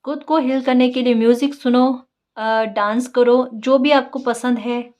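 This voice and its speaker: A woman with a slightly raised pitch talks her listeners through a tarot reading in an easy, conversational way. She coaxes and encourages them, keeps checking in with "right?", and repeats her main points to drive them home. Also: steady tone, measured pace, a little mellow, muffled recording. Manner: encouraging, repeats key phrases. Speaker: tarot reader. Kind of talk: casual spiritual guidance talk.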